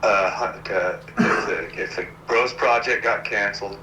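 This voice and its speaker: A man answering questions over a speakerphone call, talking in a hesitant, halting way with many fillers and restarts. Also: fairly low pitch, pushed and bright, slight background noise. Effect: heard over a speakerphone call. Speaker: project engineer consulted by phone. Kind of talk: answering questions at a county meeting. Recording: distant echoey speakerphone in meeting room.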